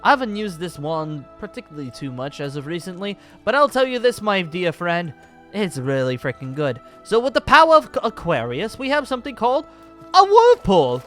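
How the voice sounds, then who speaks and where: Playing an ancient dragon slayer wizard in an improvised Minecraft roleplay, a man uses a high-sitting, very animated and slightly bright voice at a moderate pace. He boasts playfully and jovially, theatrical and grandly formal, chuckling as he goes. There's background music under him.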